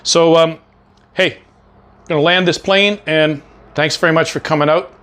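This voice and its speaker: A man's voice: fairly high pitch, fairly even intonation, normal speed, a bit bright, clean tone. A middle-aged man hosting his own cooking channel from his home kitchen, chatty and enthusiastic, with lots of fillers and restarts. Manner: talks with mouth full while tasting. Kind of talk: casual cooking vlog.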